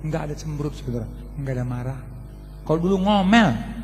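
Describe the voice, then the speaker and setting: Brief: high-pitched male pastor, lively colloquial sermon, echoing through a large church hall. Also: a little fast, soft background music. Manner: animated, colloquial, addresses the congregation as "saudara". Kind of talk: storytelling sermon. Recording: long reverb of a large hall.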